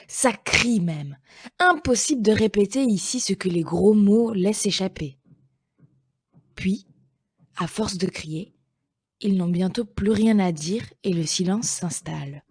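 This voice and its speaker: Storyteller: a woman reading a children's tale slowly and gently, husky and mellow. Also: lowish voice, no echo, studio quality.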